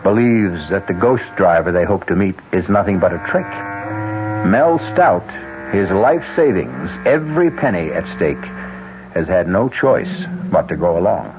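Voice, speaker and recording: A man's voice: deep voice, animated, measured pace, music in the background. Theatrical male radio host, dramatically varied. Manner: theatrical, addresses the listener directly. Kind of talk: dramatic 1970s radio narration. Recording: tinny old radio broadcast.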